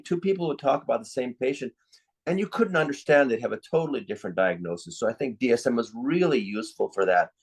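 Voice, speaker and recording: An older man with a medium-pitched voice speaks as a psychiatrist in an interview. He shares his opinions in a reflective, conversational way.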